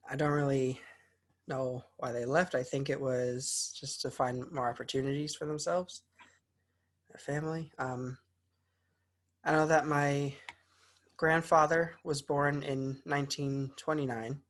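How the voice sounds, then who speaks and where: On an online class video call, a young American college student gives an informal spoken presentation, sharing a little hesitantly. His medium-pitched voice is flat and unhurried, with frequent pauses.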